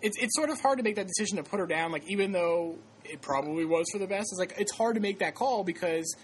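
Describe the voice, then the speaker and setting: A man's voice: high voice, quick pace. A man hosting a casual podcast, telling stories in a rambling way with many fillers and restarts, often laughing. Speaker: podcast host.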